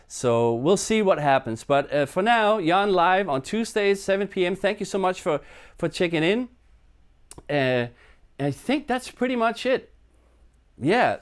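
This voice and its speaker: A man's voice: fairly high pitch, clear, resonant tone. A man from Denmark, casually chatting to viewers on his live stream from his apartment, rambling and joking at himself. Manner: chatty, rambling, self-deprecating. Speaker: live stream host and musician.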